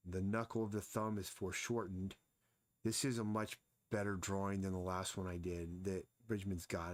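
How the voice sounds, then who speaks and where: An artist streaming his drawing casually thinks aloud while sketching and explaining anatomy. His voice sits on the low side, and there is no room sound.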